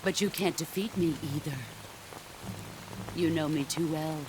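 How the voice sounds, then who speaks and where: A woman playing a stern, legendary soldier and former mentor in a video game cutscene, commanding, solemn and measured. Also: sits low, steady tone, heavy background noise. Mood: solemn, resolute. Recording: loud music and rain behind.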